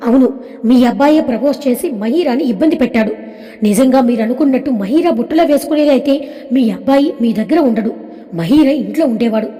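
A woman's voice: high-pitched, animated, brisk, dark tone, faint music behind. A woman voicing a stern young man who firmly stresses every word as he defends his fiancée. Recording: long reverb.

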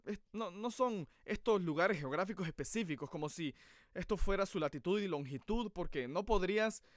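A man's voice: high voice, lively intonation, moderate pace, dry recording, clean studio sound. A man preaching a sermon in an earnest, emphatic way.

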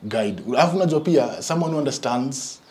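A man in his thirties with a Kenyan accent, a guest actor chatting relaxed in a small studio, switching between English and Sheng and laughing often. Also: medium pitch, fairly quick. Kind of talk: casual interview chat. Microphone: studio mic on boom arm.

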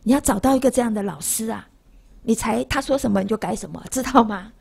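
A woman in her sixties from Taiwan, speaking, gives a lively Buddhist lecture in a classroom. She keeps asking her listeners rhetorical questions. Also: fairly high pitch, fast talker, vocal fry, husky. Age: 60s.

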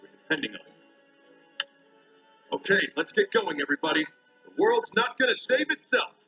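Blunt echidna leader. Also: male voice, sits high, very animated, normal speed, sharp tone, highs cut off, full character voice. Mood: commanding. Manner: commanding, blunt, wisecracking. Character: Knuckles, a gruff, blunt echidna resistance leader. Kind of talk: video game cutscene dialogue. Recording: game audio from a distance, with music.

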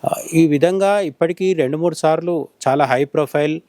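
In a studio-quality recording with no room sound, an Indian journalist speaks as a commentator, offering casual news analysis and frequently rephrasing his explanations. His warm voice is a little high, at a moderate pace.

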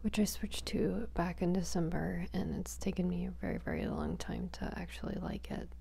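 A woman chatting softly for ASMR on a small close microphone, rambling, whispery and giggly. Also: on the low side, huge pitch swings, normal speed, vocal fry, slightly rough. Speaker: ASMR creator. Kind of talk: soft-spoken ASMR chatting.

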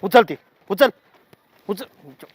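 An actor playing a bossy village husband who nags and barks repeated orders at his wife. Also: very slow. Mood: scolding. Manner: nagging, barking orders, repeats words. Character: bossy scolding village husband, middle-aged. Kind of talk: village short-film acting.

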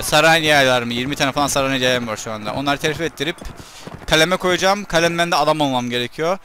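Excitable man doing game commentary. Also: mid-range voice, smooth. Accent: Turkish. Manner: excitable, shouts at enemies during battle. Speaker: gaming YouTuber. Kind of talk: casual let's-play commentary.

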